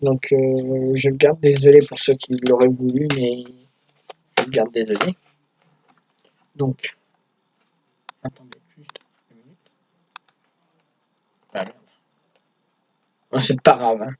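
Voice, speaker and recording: A man's voice: mid-range voice, level tone, unhurried, long pauses, darkish tone, slight background noise, rough recording. A young man in his teens hosting a casual unboxing vlog for his gaming channel, chatty and self-mocking. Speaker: gaming YouTuber.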